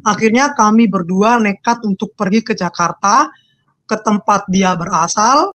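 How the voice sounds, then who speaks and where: A woman giving an emotional personal testimony as an interview guest, repeating her phrases and swinging widely in pitch. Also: measured pace, fairly bright tone, no echo.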